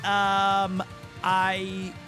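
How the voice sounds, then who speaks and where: High-voiced goofy man streaming. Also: monotone, extremely slow, over music. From Missouri, USA. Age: 40s. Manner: goofy, self-mocking, stumbles and restarts. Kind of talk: casual live-stream chat.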